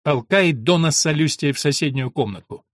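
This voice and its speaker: A man quietly reading the stage directions of a verse play in a matter-of-fact manner. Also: fairly high pitch, normal speed, dry recording, clean studio sound. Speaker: reader.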